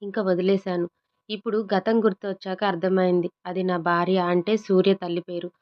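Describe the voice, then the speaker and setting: A woman's voice: fairly low pitch, flat delivery, fairly quick, muffled recording, natural voice. A woman voicing an older father who is emotional and fond in a storybook. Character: happy older father reunited with his son.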